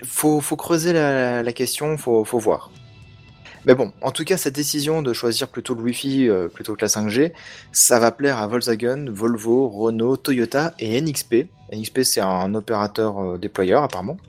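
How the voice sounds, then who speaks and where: Man, podcast host, casual tech chat, hesitant, restarts, middle pitch, faint music behind. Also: moderate pace, a little mellow. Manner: hesitant, frequent restarts and fillers.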